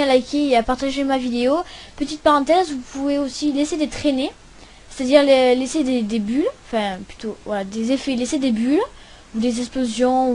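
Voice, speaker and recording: Young woman, high-pitched, casual tutorial host, hesitant, computer mic. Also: a little mellow. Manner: hesitant, many fillers and restarts. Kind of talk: casual screen-recording tutorial.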